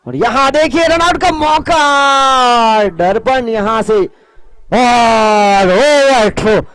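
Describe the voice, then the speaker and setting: A man giving excited live cricket commentary as the commentator, drawing out his calls on the action. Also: extremely high pitch, extremely slow, smooth, no echo.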